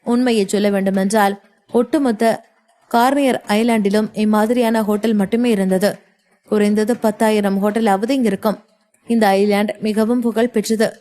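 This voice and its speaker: A woman narrating a novel in a steady storytelling manner. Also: medium pitch, normal speed. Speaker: audiobook narrator. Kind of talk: scripted narration.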